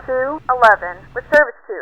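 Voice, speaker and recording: A woman's voice: high-pitched, lively intonation, fairly quick, fairly bright tone, a little hiss or hum, rough recording. A woman voicing a polite flight attendant giving a scripted cabin announcement over the PA in a game. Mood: announcing.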